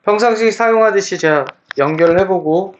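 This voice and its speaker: Casting: male product reviewer, middle-aged, high voice, repetitive announcing delivery, muffled lo-fi Bluetooth mic sound. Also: brisk, slight background noise. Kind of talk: scripted-style product test presentation to camera. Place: plain small room indoors. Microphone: various Bluetooth earphone and neckband mics. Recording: dull lo-fi Bluetooth headset microphones.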